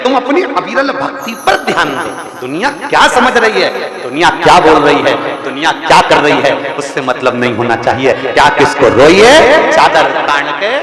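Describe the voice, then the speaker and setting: Emphatic male preacher in an echoey hall. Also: on the high side. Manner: folksy storytelling with quoted dialogue; emphatic repeated exhortations. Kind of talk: sermon. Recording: echoey hall with music behind.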